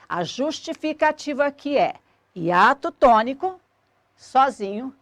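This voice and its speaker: A woman, explaining a grammar lesson clearly and methodically as a teacher. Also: high-pitched, dry recording.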